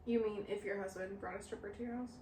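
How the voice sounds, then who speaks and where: A woman in her late twenties chats and teases on a casual podcast, and she giggles easily. Her voice sits at an everyday middle pitch. The room sounds echoey, and there is a faint background hiss. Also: steady tone, fast, mellow. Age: late 20s. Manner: chatty, giggly, teasing. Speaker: podcast co-host. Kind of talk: casual chat.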